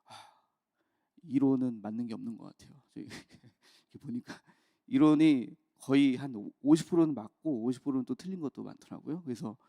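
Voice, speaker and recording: A man in his thirties, a pastor telling a candid personal story in an early-morning sermon, with quick bursts and soft trailing asides. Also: medium pitch, dry recording, clean studio sound. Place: church.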